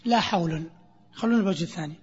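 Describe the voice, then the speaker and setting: A man teaching a grammar lesson, quizzing his students and drawing phrases out slowly. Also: high voice. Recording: muffled lecture recording in a reverberant hall.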